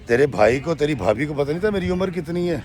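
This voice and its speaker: A man doing a rough, abusive husband. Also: a little high, expressive, a little mellow, voice pushed up, lightly acted. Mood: angry. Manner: rough, scolding. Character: short-tempered abusive middle-aged husband.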